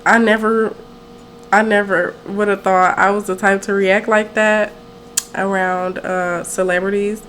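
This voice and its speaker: A nineteen-year-old woman tells a story on her own podcast, chatty and rambling, and often corrects herself mid-sentence. Her medium-pitched voice is a bit bright, with a flat, unhurried delivery. The audio quality is poor, with a little hiss or hum.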